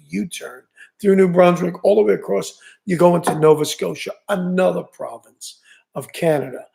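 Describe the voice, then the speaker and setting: A man's voice: sits high, vocal fry, dark tone. A man with a New York accent, hosting a fishing show and chatting enthusiastically in a rambling way, with many restarts. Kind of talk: casual chat.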